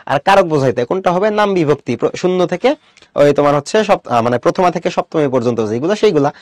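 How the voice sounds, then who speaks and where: Young guy teaching online, goes point by point and quizzes the class, bit of a higher voice, dry close mic. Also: lively intonation, fast, a little mellow, no echo. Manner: explains step by step, asks questions to the class.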